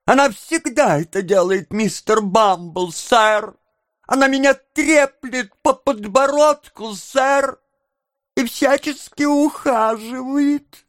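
A man doing a whiny high young lad. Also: slow pace, fairly bright tone, dry recording, studio quality, exaggerated voice. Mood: whining. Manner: whiny, high-pitched and plaintive. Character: whining cowardly young male apprentice. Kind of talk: audiobook character voice.

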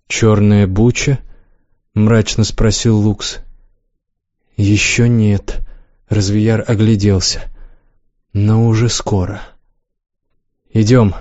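Male narrator, low and warm, calm measured read; dull lo-fi, dry recording. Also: no echo. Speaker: audiobook narrator. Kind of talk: scripted narration.

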